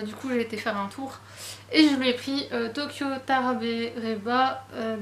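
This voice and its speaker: A woman's voice: a little high, echoey room, a little hiss or hum. A woman chatting casually about her latest book purchases, self-deprecating and full of fillers. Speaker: book vlogger. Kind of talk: casual book haul chat.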